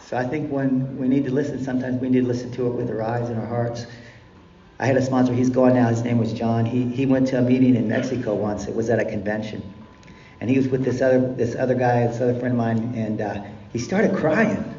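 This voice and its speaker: A man's voice: medium pitch, fairly even intonation, a little fast, warm tone. A middle-aged man from California gives a blunt, profane, impassioned recovery talk to a convention crowd, repeating lines for emphasis. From California, USA. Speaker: guest speaker at a recovery convention. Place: large convention hall. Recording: echoey hall, distant, dull lo-fi, faint hiss.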